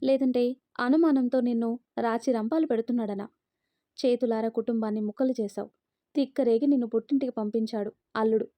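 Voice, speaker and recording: Lady reading as a harsh lecturing mom, mellow dark voice, dry sound. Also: fairly high pitch, a little fast, no room sound, natural voice. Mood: scolding. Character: stern scolding middle-aged mother.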